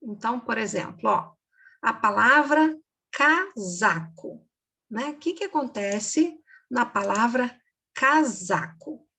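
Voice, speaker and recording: A woman teacher giving a slow, patient recorded reading lesson for children, repeating words and checking in with "ok?". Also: fairly high pitch, lively intonation, vocal fry, a bit bright, husky.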